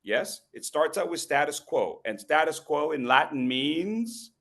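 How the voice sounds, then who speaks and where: A man's voice: fairly high pitch, expressive, fairly bright tone. Playful bald man teaching comedy. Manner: playful, teasing the audience, quick asides; slows down and pauses for emphasis. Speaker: educational speaker at a club meeting. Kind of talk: humorous presentation to a live group.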